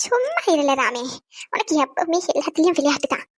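A woman's voice: high-pitched, very animated, a little fast, dry recording, studio quality. A woman voicing a stern but caring older mother in a cartoon who lectures and scolds her family. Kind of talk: cartoon voice acting.

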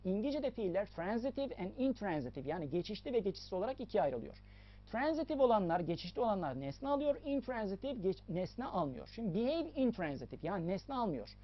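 Lively, emphatic woman teaching a lesson. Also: medium pitch, fast, lo-fi sound. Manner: emphatic, repeats key points to the viewer. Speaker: English teacher. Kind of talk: explanatory lesson.

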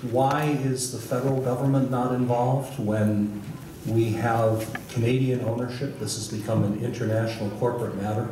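A middle-aged man at a public hearing, speaking at a podium mic and asking pointed rhetorical questions. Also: fairly low pitch. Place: large hall with wooden stage. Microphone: podium mic on a stand. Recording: echoey hall from far off, noisy.

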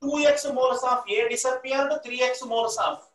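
Speaking at a moderate pace in a steady, slightly bright tone, this man has a very high voice and an Indian accent. He teaches chemistry live online at a blackboard, repeating lines and prompting students to finish his sentences. The echoey audio comes from a distant camera microphone in the room.

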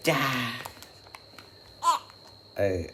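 A man's voice: extremely slow, noisy background. A young adult father, casually reading a picture book to his kids on a live stream and joking about his own mistakes. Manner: animated, jokey, laughs at his own misreadings.

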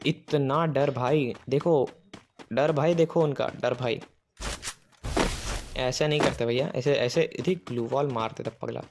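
Excitable male gamer with game gunfire behind. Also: medium pitch, measured pace, long pauses, noisy background. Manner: excitable, teasing enemies, rambling chatter. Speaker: gaming streamer. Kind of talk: live gameplay commentary.

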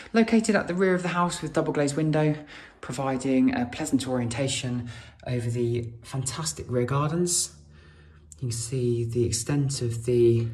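In a mid-range, darkish voice, a British estate agent walks through an empty new-build house and its exterior, delivering gushing, polished sales patter. The bare rooms make everything echo.

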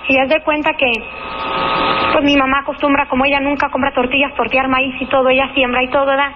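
A high-voiced woman tells her ghost story at length over the phone. Her call comes through dull and lo-fi, with a clear hiss behind it. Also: level tone, fast talker. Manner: rambling, emotional storytelling with regional rural speech. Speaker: caller. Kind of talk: telling a personal ghost story. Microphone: telephone.

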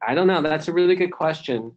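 A company CEO appearing as keynote guest answers questions on a conference call, sounding reflective and using many fillers and restarts. He talks fast in a fairly high voice, and the sound is lo-fi.

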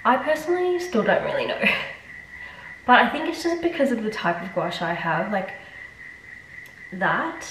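A woman's voice: mid-range voice, big pitch swings, normal speed, pauses often, fairly bright tone, slight background noise. Aussie girl with a blocked-up nasal voice chatting thru her skincare, kinda rambly, roomy bathroom echo. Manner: chatty, self-deprecating, rambling asides. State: congested, nasal from blocked sinuses. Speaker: beauty vlogger. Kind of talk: casual skincare vlog chat. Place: echoey bathroom. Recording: echoey room, mic at a distance.

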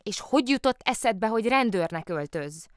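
A woman's voice: mid-range voice, animated, dry recording, clean studio sound, pitched above the performer's own voice, lightly acted. A woman voicing an earnest little girl who tries to sound stern, asking urgent, demanding questions. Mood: stern worried.

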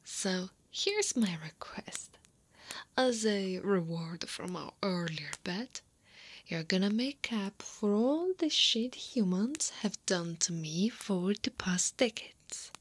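In this intimate ASMR roleplay, a woman from Italy whose first language is Italian gives an expressive, mid-range performance as a slow, breathy, flirty slime monster woman. Often half-whispering, she stays slow, playful and teasing while the mood turns seductive and possessive, with clear background ambience audible throughout.

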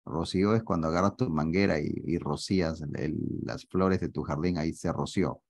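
A man teaching math in an online class, joking with his students and asking often whether it is clear. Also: low-pitched, brisk, darkish tone, no room sound. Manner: joking, teasing, asks students to confirm often.

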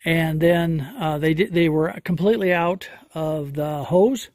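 A man doing a hands-on repair walkthrough outdoors, talking slowly and folksily with many fillers as he thinks aloud. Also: a little high, steady tone, a little mellow, no room sound. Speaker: homesteader vlogger. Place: outdoors in a yard.

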